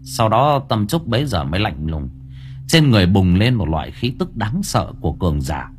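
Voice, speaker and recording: A man narrating a dramatic audiobook in an expressive, animated way. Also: fairly low pitch, normal speed, soft background music.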